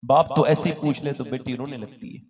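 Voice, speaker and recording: A man preaching an Islamic sermon, telling a story with passion and rising to loud shouts as he questions the crowd. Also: mid-range voice, steady tone, a little fast. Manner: addresses the crowd directly with questions.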